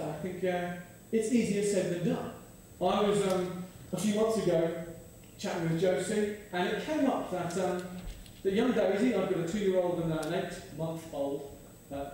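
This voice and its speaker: A man, preaching a sermon with animated, self-deprecating storytelling. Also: high-pitched, slight background noise. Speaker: pastor. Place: large church hall. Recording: very echoey hall, voice from far off.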